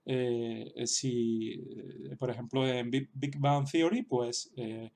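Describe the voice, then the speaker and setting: A man's voice: mid-range voice, fairly even intonation, slow, gravelly, darkish tone. A man giving an explanatory lesson as a teacher, talking hesitantly with many fillers and restarts. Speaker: Sanskrit teacher.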